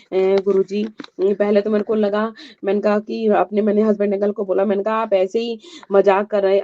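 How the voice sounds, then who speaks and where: A woman giving a heartfelt, thankful devotional testimony, speaking in a halting way. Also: mid-range voice, mellow, a little hiss or hum. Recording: dull lo-fi audio.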